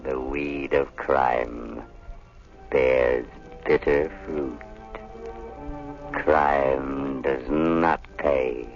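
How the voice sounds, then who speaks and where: A dull old radio recording with faint music under an ominous avenger. His extremely deep voice drags slowly, theatrical and full of menace. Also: steady tone, exaggerated voice. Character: ominous, sinister unseen avenger giving a moral warning. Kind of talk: 1940s radio drama sign-off.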